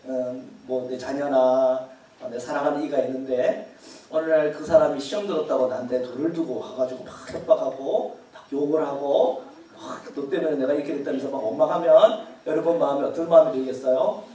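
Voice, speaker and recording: A man's voice: medium pitch, fairly quick, mellow, heavy reverb, far from the mic, slight background noise. A man preaching as pastor at a Bible study, talking casually with the congregation, asking them questions and laughing often. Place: church hall.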